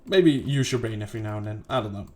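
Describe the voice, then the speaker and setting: Speaking fast in a dark tone, a man who makes gaming videos gives casual, unedited commentary on his play. He rambles, questions his own choices and fills the gaps with fillers and plenty of "boom."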